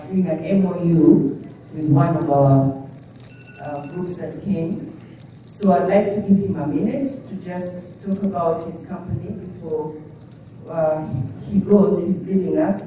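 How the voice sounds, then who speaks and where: At a trade summit, an event moderator with a fairly high voice and dark tone politely introduces the next speakers, using frequent fillers. The mic is distant in an echoey hall, with faint noise.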